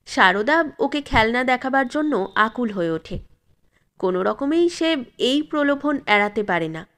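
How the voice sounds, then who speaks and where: A woman storyteller reading a classic short story aloud, steady and expressive, voicing every character herself. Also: fairly high pitch, a little slow. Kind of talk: scripted story narration.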